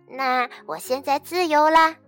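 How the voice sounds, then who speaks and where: A woman's voice: high voice, a little slow, a bit bright, dry recording, soft background music, voice pushed up. A woman voicing a clever, bold young male hero in a storybook reading, speaking eagerly and confidently.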